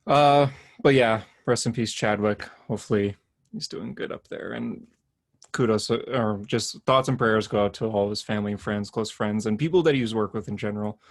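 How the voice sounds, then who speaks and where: A man's voice: fairly low pitch, moderate pace, no room sound. Chatty man on a dry close mic. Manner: chatty, rambling, laughs often. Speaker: podcast co-host. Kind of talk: casual comic-book news chat.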